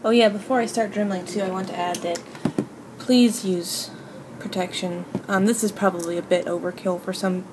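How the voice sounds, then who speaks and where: A woman hosting a casual, unscripted craft tutorial, talking informally and haltingly as she thinks aloud. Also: mid-range voice, fairly even intonation. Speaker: hobby video host. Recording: noisy home recording.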